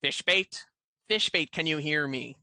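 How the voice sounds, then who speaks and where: Man as a slightly raised, slow, probing questioner heard through an urn. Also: a little high, bright, forceful tone, dry recording, exaggerated voice. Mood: urgent. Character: unseen muffled questioner outside the urn.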